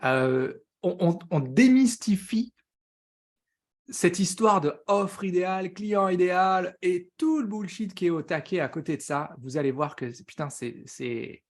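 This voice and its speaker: A man with a French accent hosting a live business coaching stream, talking very fast and excitedly, greeting viewers by name and using slang. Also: sits high.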